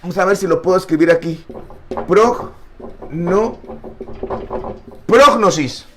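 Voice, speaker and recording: A man's voice: high-pitched, takes it slowly, fairly bright tone, slight background noise. A male pastor teaching a Bible study, earnest and explanatory, with frequent fillers and repeated words. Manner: addresses listeners as brother.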